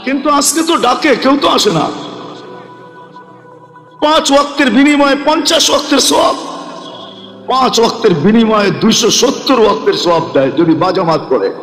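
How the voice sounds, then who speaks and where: A man delivers a sermon in a high, ringing voice. He chants long lists in a steady rhythm and breaks into shouts. The recording has the roomy echo and long reverb of a large hall. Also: normal speed, pauses often, faint music behind. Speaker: preacher.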